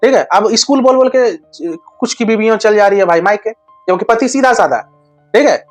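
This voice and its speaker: A man with a fairly high voice talks straight to camera, handing out relationship advice as a casual monologue. He is blunt and slangy and throws in crude jokes as he goes. Soft music plays faintly behind him. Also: fairly quick.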